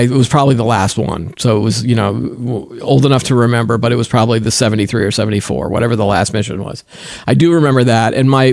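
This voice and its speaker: A man's voice: medium pitch, a little mellow, no echo, clean studio sound. A middle-aged man co-hosting a tech podcast, chatting casually in a rambling, self-correcting way. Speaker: podcast co-host.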